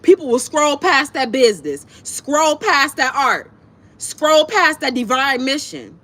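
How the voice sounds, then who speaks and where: A woman's voice: high-pitched, big pitch swings, a little slow, a bit bright. A woman chatting casually to her livestream viewers while eating, speaking bluntly in emphatic, repetitive, profane slang. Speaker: livestream host talking to viewers. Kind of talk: casual, impassioned monologue to viewers. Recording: clear background noise.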